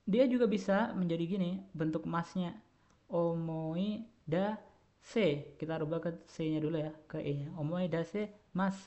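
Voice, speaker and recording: A man's voice: fairly high pitch, steady tone, fairly quick, hardly any pauses, mellow. A man teaching a Japanese grammar lesson, speaking Indonesian as his first language, patiently repeating each word with many filler sounds. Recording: dull lo-fi recording.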